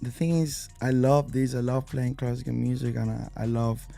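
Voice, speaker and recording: A man's voice: mid-range voice, little pitch movement, moderate pace, creaky, dark tone, faint music behind. A man, a guest telling his story in a loose, rambling way full of fillers and restarts. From Spain. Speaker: guest, DJ and violinist. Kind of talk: casual interview chat.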